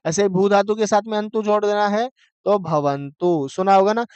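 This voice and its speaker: A high-pitched, clear-voiced male teacher runs a grammar lesson. He quizzes and answers himself in a call-and-response drill, and he chants verb lists in a slow, measured way. The sound is close and dry. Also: a little mellow, dry recording, lo-fi sound. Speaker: Sanskrit teacher.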